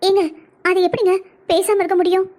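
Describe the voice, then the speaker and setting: A woman's voice: very high voice, little pitch movement, brisk, darkish tone. A woman voicing family-drama cartoon characters with a pleading, emotional delivery. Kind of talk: Tamil cartoon voice acting.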